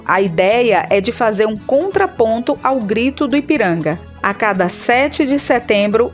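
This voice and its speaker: A woman with a Pernambuco Brazilian accent co-hosts a podcast, reading clear, informative narration. Her voice sits a little high, with faint music underneath. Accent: Pernambuco Brazilian Portuguese. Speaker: podcast co-host.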